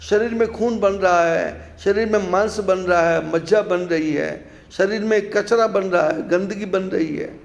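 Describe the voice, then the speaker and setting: A man's voice: sits high, creaky. A man giving a devotional discourse as a spiritual teacher, telling stories and asking rhetorical questions with repeated phrases.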